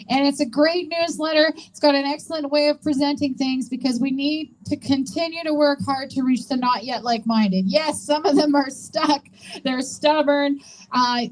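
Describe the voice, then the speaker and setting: A woman's voice: high-pitched, low-quality recording. A woman making informal emcee announcements at a rally, encouraging and engaging her listeners with questions. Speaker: rally host and volunteer organizer. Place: public rally, speaking to an audience.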